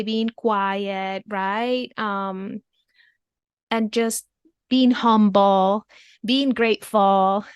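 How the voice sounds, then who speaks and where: A young woman therapist from an immigrant background appears as an interview guest, talking through ideas thoughtfully while often restarting and posing questions back. Her voice is smooth and fairly high, recorded cleanly and dryly in a studio.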